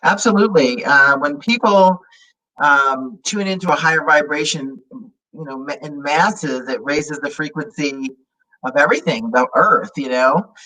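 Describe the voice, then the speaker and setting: A non-native English-speaking man, a sound healer, talking in a halting way with many restarts while he searches for words. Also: on the high side, bright, forceful tone, rough recording. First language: not English. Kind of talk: casual interview chat.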